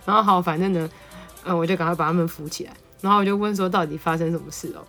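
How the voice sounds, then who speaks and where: Lively woman storyteller. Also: on the low side, very fast, faint music behind. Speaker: psychologist podcast host. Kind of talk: storytelling podcast and picture-book reading.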